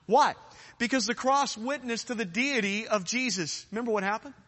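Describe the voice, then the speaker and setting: High bright-voiced preacher in a hall. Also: male voice, moderate pace. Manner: urgent, rising to fervent challenges. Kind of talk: sermon. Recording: long hall reverb.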